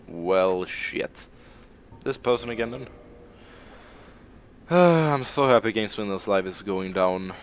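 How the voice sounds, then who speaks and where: A man's voice: lowish voice, expressive, slow pace, pauses often, slight background noise. A man from Sweden giving casual live-stream commentary while he plays a game, rambling, joking at his own expense and swearing casually. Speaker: gaming streamer.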